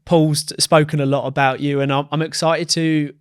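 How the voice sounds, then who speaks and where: Upbeat podcast host. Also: male voice, on the high side, level tone, moderate pace, clear, resonant tone, dry recording, clean studio sound. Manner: upbeat, enthusiastic, repeating words as he goes. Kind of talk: podcast interview hosting.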